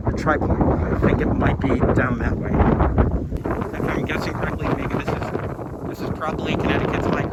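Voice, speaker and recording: A man's voice: fairly high pitch, heavy background noise. A young man talking to his camera on a woodland hike, chatty and rambling, out of breath as he climbs. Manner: chatty, self-narrating and a bit rambling. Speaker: vlogger. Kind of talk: hiking vlog to camera. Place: wooded trail outdoors, windy.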